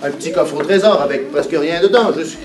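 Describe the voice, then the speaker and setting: A man's voice: fairly high pitch, fairly quick, close to an everyday voice. Kids' stage pirate, a man acting, boastful and playful, Québécois accent, mic distant, room noise behind. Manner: animated, playful, talks to the children. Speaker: children's entertainer. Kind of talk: live children's stage show. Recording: echoey hall, mic far off, background noise.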